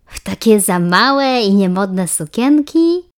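A woman's voice: a little high, expressive, a little slow, darkish tone. A woman voicing a pushy, teasing schoolgirl who mocks a classmate's clothes. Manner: insistent, mocking.

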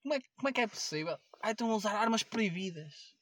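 Young adult man, European Portuguese accent, high voice, fast casual slangy chat. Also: expressive, fairly bright tone. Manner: slangy, informal.

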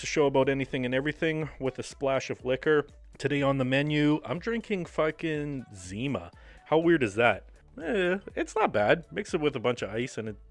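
Animated, cursing male show host. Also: medium pitch, no room sound. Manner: profane, rambling and animated. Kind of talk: casual drinking-show chat.

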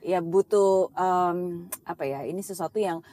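Woman talk host, warm mellow voice, reflective, code-switching, faint hiss behind. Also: fairly low pitch, unhurried. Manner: reflective, mixes English into Indonesian. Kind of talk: casual conversation.

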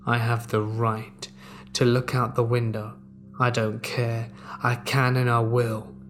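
A man voicing a rude, defiant middle-aged neighbor who talks in a slow, stubborn, flat way. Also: mid-range voice, soft background music.

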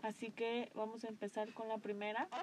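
Brief: woman co-host, slightly high voice, faint hiss behind. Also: little pitch movement, brisk. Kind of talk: casual chat.

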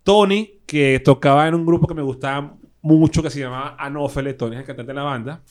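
Venezuelan guy rambling thru band stories, kinda high voice, slangy, lots of fillers. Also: fairly quick. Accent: Venezuelan Spanish (Caracas). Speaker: guest musician, guitarist. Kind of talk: casual chat, storytelling.

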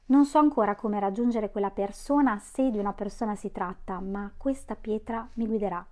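A woman's voice: medium pitch, fairly even intonation, normal speed, darkish tone, natural voice. A woman voicing an earnest young girl who pleads urgently. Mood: pleading.

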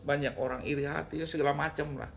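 A man's voice: fairly high pitch, fast talker, creaky, a little hiss or hum. A middle-aged man, a guest in an interview, emotionally recounting a personal story. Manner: emotional, animated retelling with rising outbursts.

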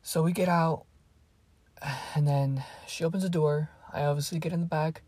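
A woman's voice: low-pitched, steady tone, normal speed, mellow, no room sound. A teenage girl telling stories to camera in a casual vlog, rambling and swearing freely with plenty of asides. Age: teens. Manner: rambling and profane, with fillers and asides. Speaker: vlogger.

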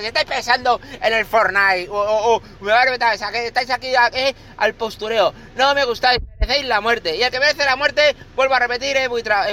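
A man's voice: extremely high pitch, pushed and bright. A man delivering a comic rant monologue, full of exaggerated mock outrage and repeated catchphrases, as a podcast co-host.

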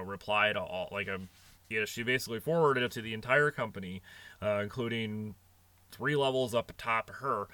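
A man's voice: medium pitch, sharp tone, dry recording. A middle-aged man hosting a podcast, talking casually and earnestly as he tells stories about managing staff. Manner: earnest, anecdotal storytelling. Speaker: podcast host on restaurant management.

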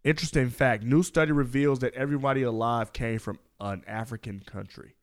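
A man co-hosting a casual sports chat, loud, profane and animated, breaking into shouts. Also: medium pitch, a little fast. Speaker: podcast co-host.

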